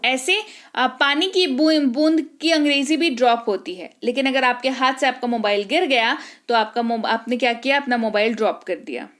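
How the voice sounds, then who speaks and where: A woman's voice: high voice, moderate pace, fairly bright tone. A woman teaching English vocabulary, explaining each word patiently and checking that the listener follows. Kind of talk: vocabulary lesson.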